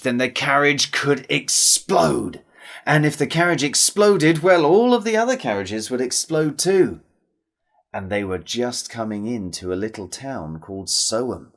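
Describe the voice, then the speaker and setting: Animated English storyteller man. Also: mid-range voice, unhurried. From England. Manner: animated, dramatic, involving the audience. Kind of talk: storytelling for children.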